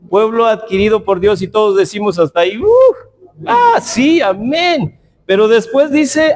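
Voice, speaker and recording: High-voiced man teaching a Bible class. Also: a little mellow. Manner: conversational, tells anecdotes with quoted dialogue.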